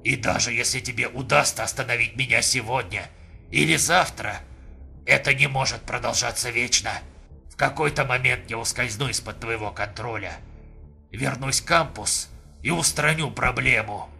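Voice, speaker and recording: Brief: man doing a firm, matter-of-fact Neanderthal, gravelly, bright-edged, audiobook. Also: mid-range voice, normal speed, soft background music. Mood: resolute. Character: calm, blunt Neanderthal man, unwavering. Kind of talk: audiobook reading.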